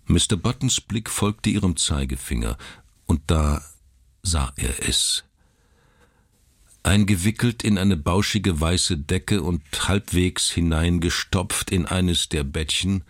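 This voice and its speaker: A man narrating a literary story in a measured, dramatic reading. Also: sits low, no echo, studio quality.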